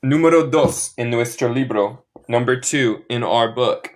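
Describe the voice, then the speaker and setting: A man teaches through in a live online lesson, speaking at a very slow, unhurried pace. His pitch sits in an ordinary middle range. He drills phrases patiently and switches easily between the two languages. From United States. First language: English. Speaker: English teacher.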